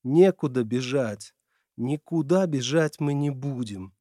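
A man voicing an agitated, stern middle-aged mother in an audiobook, scolding in a raised, shrill way. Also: takes it slowly, dark tone, no room sound, studio quality, lightly acted. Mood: firm.

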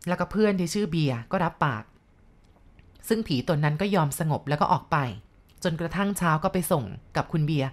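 A woman's voice: lowish voice, a little fast. A woman casually retelling a ghost story in a chatty way, stopping for explanatory asides. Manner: chatty, adds explanatory asides and polite particles.

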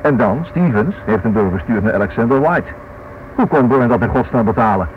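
A male actor in an old radio drama plays a stubborn, inquisitive married man writing a book, reasoning aloud with excitement. His medium-pitched, fairly quick voice is expressive and close to everyday, with very mobile intonation as he insists and circles back, repeating himself. The sound is dull and band-limited, with a little hiss or hum.

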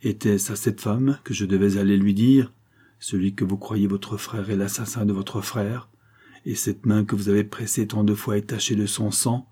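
A man reading a novel aloud, voicing a proud and commanding noblewoman with a forceful, insistent delivery. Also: lowish voice, steady tone, normal speed, slightly rough. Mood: grave.

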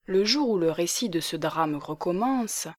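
A woman reading a classic novel aloud in a measured, deliberate narration. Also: fairly low pitch, lively intonation, no echo, clean studio sound. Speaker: audiobook reader.

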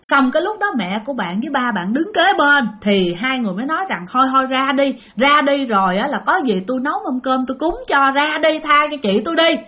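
A woman with a Southern Vietnamese accent telling a ghost story in a chatty, animated way, often addressing her listeners. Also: high voice.

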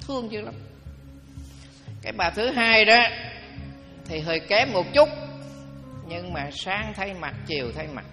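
High bright-voiced monk. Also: male voice, lively intonation, unhurried, long pauses, long reverb tail, faint music behind. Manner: folksy, humorous storytelling. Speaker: Buddhist monk teacher. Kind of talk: dharma talk.

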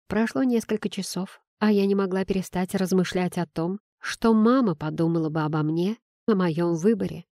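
A woman reading a novel aloud in first person, in an even storytelling manner. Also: fairly low pitch, moderate pace, few pauses, no room sound, clean studio sound. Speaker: audiobook narrator.

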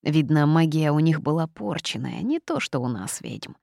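A woman's voice: deep voice, sing-song, normal speed, creaky, dark tone, dry recording, studio quality. A woman reading a first-person storybook narration aloud in a wry, sardonic manner. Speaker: audiobook narrator.

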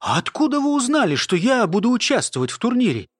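A man's voice: very high-pitched, very animated, fast, a bit bright, no room sound, studio quality, pitched above the performer's own voice, heavily acted. A man voicing an earnest, questioning young man. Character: anxious young man, Dave.

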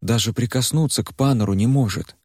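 A man voicing a protective male fire spirit in a measured, steady way. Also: medium pitch, no echo, studio quality, close to an everyday voice. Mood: solemn. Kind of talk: audiobook character voice.

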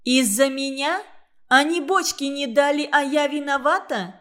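A woman voicing a fussy, self-righteous young girl in a shrill, whiny, insistent voice. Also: unhurried, sharp tone. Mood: shrill indignant.

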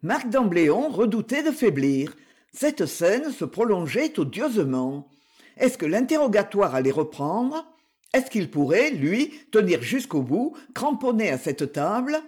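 A reader narrating a literary story as an audiobook, slow and expressive. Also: medium pitch, husky.

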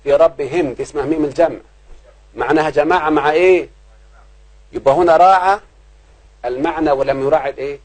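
Egyptian grammar teacher guy, talks really fast, keeps going "got it or not?" at the class. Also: on the high side, a little mellow, husky, low-quality recording. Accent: Egyptian Arabic. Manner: keeps asking pupils if they understood.

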